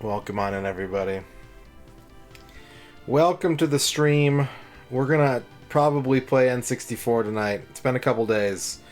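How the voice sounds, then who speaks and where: A man's voice: mid-range voice, normal speed, faint music behind. A man streaming on a headset mic, chatting casually and greeting and thanking viewers one by one. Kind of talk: casual livestream chat.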